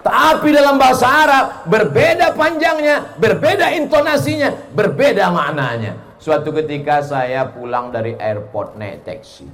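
A man preacher giving a humorous religious lecture, animated and joking, often slipping into chuckles. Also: high-pitched, normal speed, hardly any pauses, a faint crowd. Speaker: Islamic preacher.

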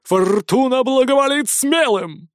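Brief: an old pirate parrot, boastful and squawky, pitched sky-high, lively swoops. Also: male voice, measured pace, no room sound, studio quality. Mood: brash. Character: cocky century-old male pirate parrot. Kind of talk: audiobook character voice.

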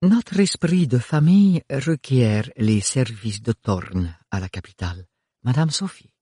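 A man's voice: mid-range voice, animated, warm tone, breathy edge, dry recording, studio quality. A man doing a purring, elegant noblewoman. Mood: gracious. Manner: slow, purring, refined. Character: elegant aristocratic woman, purring and gracious.

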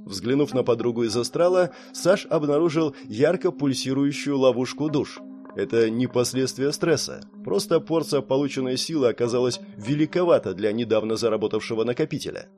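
Man narrating a story in a mellow voice. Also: mid-range voice, a little fast, soft background music. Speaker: audiobook narrator. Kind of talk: scripted audiobook narration.

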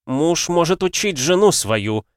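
A man's voice: a little high, fairly even intonation, a little fast, fairly bright tone, clear, resonant tone, dry recording, clean studio sound, pitched above the performer's own voice, lightly acted. A man voicing an arrogant, cornered young noble heir who speaks in a haughty, sneering way, hissing through his teeth.

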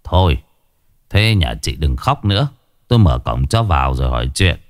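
Man doing a gruff middle-aged village shaman. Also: on the low side, very animated, moderate pace, dry recording, studio quality. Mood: gentle firm. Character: village ritual master near fifty, stern but kind.

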